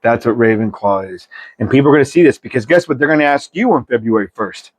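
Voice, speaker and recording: A tarot reader with a mid-pitched voice gives a chatty, animated, fast reading, talking straight to viewers like an emphatic pep talk, loose and slangy with the odd mild swear. The recording is dry and close.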